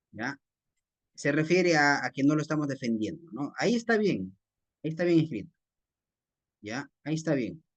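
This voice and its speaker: A man with a Peruvian Spanish accent teaching a class, explaining a text slowly and checking in with his students. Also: a little high. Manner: slow, repetitive teacher talk with frequent tag questions.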